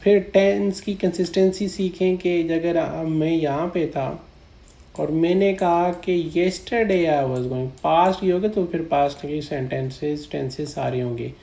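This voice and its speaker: A male English teacher walks through grammar slides at an unhurried, deliberate pace. His voice is mellow and soft-edged, and the room gives it a noticeable echo. He reads example sentences slowly and keeps checking that the listener follows. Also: fairly high pitch, gravelly. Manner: repeats "right?" and "theek hai" to check in. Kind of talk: grammar lesson explaining slides. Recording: echoey room.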